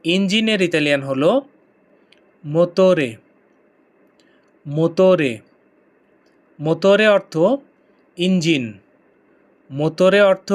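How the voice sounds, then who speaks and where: A man teaching vocabulary, saying each word several times in a slow, repetitive drill. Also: sits high. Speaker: language teacher.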